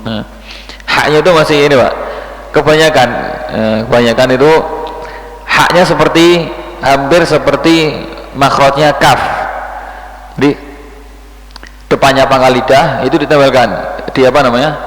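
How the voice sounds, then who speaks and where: A man's voice: mid-range voice, steady tone, fairly bright tone. A man teaching Quran recitation, patiently correcting a student's pronunciation and chanting example verses. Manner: slow, patient, demonstrates sounds and chants verses. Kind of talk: tajwid correction lesson. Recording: echoey hall.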